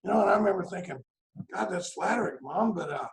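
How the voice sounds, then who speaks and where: Animated and quick, the gravelly Dallas man in his sixties pitches his voice high as he tells his story at an AA speaker meeting. The video call comes from a reverberant room at home, and his rambling, jokey share is full of "I mean" and "you know."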